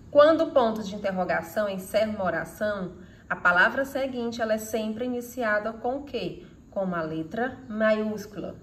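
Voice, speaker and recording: A woman's voice: mid-range voice, slight background noise. A woman with a Brazilian Portuguese accent teaching a grammar lesson, asking rhetorical questions and answering them herself, and reading example sentences aloud with expression.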